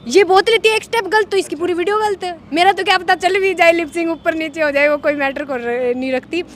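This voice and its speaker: A woman's voice: extremely high pitch, fast talker, fairly bright tone, a little hiss or hum. A young woman from Haryana, chatting in an outdoor interview about her dancing, chatty and often laughing. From Haryana, India. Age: young adult. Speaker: interviewee, elder of two dancing sisters. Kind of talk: casual interview chat.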